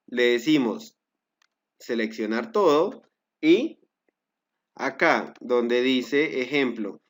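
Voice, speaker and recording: Man giving a step-by-step software lesson. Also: on the high side. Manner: step-by-step, guiding viewers with frequent fillers and self-corrections. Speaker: Excel instructor. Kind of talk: screen-recorded software tutorial.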